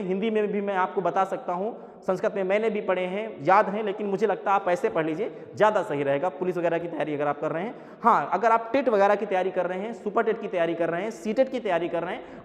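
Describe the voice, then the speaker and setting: A man's voice: sits high, big-room sound. A man teaching an exam-prep grammar lesson, saying sounds aloud as examples and calling his viewers sir.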